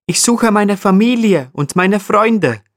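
A man voicing a small, eager and cheerful male marmot in a storybook, speaking high and calling out brightly. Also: sing-song, moderate pace, slightly rough, no echo, clean studio sound.

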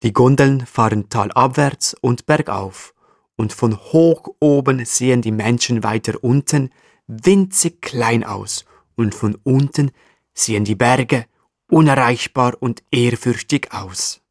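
Male storyteller, mid pitch, slow and gentle, talks straight to the listener. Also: dry recording, clean studio sound. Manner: gentle, addresses the listener directly. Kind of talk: children's story narration.

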